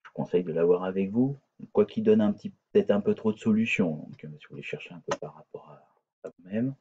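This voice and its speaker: Deep-voiced man teaching in a screencast. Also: fast talker, breathy edge, highs cut off. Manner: hesitant, many fillers and restarts. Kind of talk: screencast coding tutorial.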